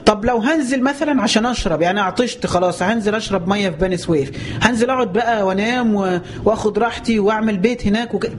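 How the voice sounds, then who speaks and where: Fast, high-voiced Egyptian preacher. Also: male voice, slight background noise. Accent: Egyptian Arabic. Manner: animated, rhetorical questions, drawn-out exclamations. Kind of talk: colloquial religious lesson with slow scripture recitation.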